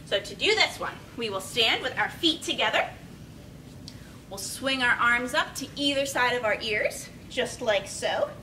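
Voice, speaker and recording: With lively intonation and a measured pace, a young woman whose voice is bright and fairly high guides small children through yoga poses at a storytime, giving simple, encouraging directions while demonstrating. The distant camera mic, several metres away in a small indoor room with padded steps, picks up a low rumble behind her.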